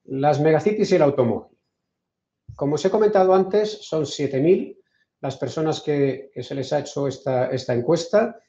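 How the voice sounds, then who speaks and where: A man from Spain with a Peninsular Spanish accent, giving an online lecture in a measured way, often restarting his sentences. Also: fairly high pitch, animated, warm tone. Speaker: invited speaker. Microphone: video call. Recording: roomy, dull video call audio.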